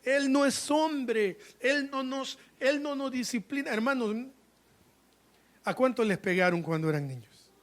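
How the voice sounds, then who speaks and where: A man preaching a sermon, calling his listeners brothers again and again and swinging between loud outbursts and hushed asides. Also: very high-pitched, unhurried. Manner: fervent preaching, constantly addressing the congregation as brothers.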